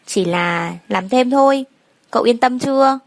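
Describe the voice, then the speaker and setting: A woman's voice: fairly high pitch, expressive, unhurried, dry recording. A woman voicing a chatty young female friend who speaks in a breezy, reassuring way.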